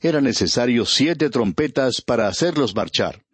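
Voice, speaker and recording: Male radio Bible teacher, mid-pitched, husky, earnest and measured, dry close studio sound. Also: expressive, no echo. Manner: measured, earnest, addresses the listener directly.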